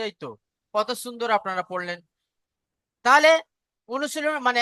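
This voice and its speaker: Bright, crisp woman teaching Quran reading. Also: high-pitched, no echo. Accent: Bengali. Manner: patient, praising, slow drilled recitation. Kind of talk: online Quran reading lesson.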